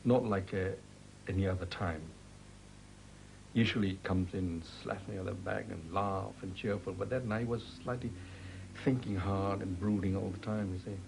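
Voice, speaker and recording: Gravelly man giving halting interview answers. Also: sits low, fairly even intonation, a little mellow, a little hiss or hum, poor audio. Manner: halting, hesitant speech with nonstandard grammar. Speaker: interviewee, former club partner.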